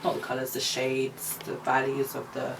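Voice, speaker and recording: A woman's voice: extremely low pitch, moderate pace. A woman, a painter chatting casually about her work, self-mocking and talkative. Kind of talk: casual chat while painting. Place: art studio. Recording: steady background noise.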